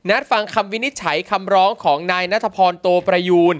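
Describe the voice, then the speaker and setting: A man's voice: high voice, a little fast, fairly bright tone. A man co-hosting a casual talk show, making mocking asides and reading out news items. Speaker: co-host.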